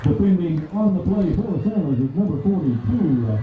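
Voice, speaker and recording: A man's voice: sits high, lively intonation, noisy background. Echoey stadium PA announcer, male. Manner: formal, drawn-out announcing. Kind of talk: public address announcing. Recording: echoey phone-like stadium PA sound, distant crowd.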